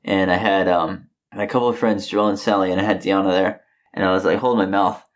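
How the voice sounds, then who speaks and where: A man's voice: low-pitched, steady tone, quick pace, lo-fi sound. A man in his late twenties, chatting casually as podcast co-host, with a slight lisp as he rambles through a story. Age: late 20s. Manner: slight lisp from knocked-out teeth. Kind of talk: casual chat.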